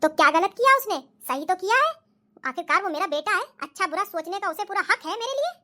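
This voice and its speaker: A domineering mother-in-law from a cartoon, scolding her daughter-in-law sternly, as a woman voices her. Her tone is bossy, and the voice is very high and bright. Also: animated, fairly quick, full character voice. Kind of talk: cartoon voice acting.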